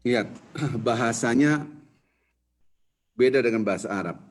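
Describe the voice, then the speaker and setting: Husky-voiced preacher man, emphatic. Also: mid-range voice, a little slow. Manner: emphatic and repetitive, acting out quoted prayers in a hushed pleading voice. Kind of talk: Islamic sermon to a congregation. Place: mosque.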